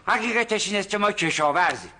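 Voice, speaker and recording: A jittery secretive farmer. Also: male voice, high voice, expressive, full character voice. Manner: hushed, dramatic storytelling with sudden whispers. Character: nervous rural male farmer, secretive and fussy. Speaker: farmer explaining a find. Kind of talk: TV comedy series acting.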